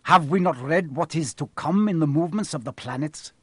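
A man's voice: on the high side, brisk, breathy edge, dry recording. A man voicing a proud, angry male centaur who speaks in a thundering, scolding manner.

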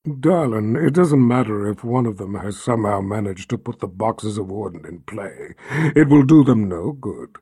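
A man voicing a brooding, jealous tyrant emperor with a deep rumbling voice, speaking slowly and menacingly. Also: expressive, mellow, breathy edge, no room sound, studio quality. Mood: grim. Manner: slow, low and menacing.

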